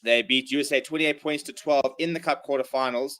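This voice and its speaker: A man's voice: medium pitch, fairly even intonation, a little fast, a bit bright. A man, hungover, chatting casually and commentating as he hosts a live rugby watchalong stream. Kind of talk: casual livestream chat and live sports commentary.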